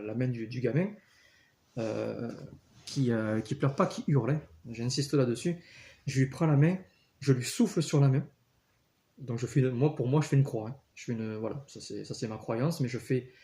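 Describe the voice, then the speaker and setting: A man's voice: mid-range voice, mellow. A man casually telling personal stories, earnest, with many fillers and restarts. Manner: earnest, storytelling. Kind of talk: casual spoken testimony.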